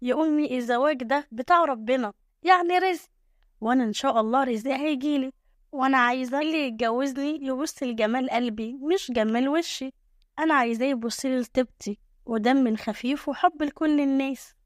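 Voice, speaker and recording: A woman's voice: high voice, brisk, dry recording, studio quality, natural voice. A woman voicing a cheerful, easygoing young village woman with an Egyptian accent, shrugging off insults. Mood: carefree. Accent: Egyptian Arabic.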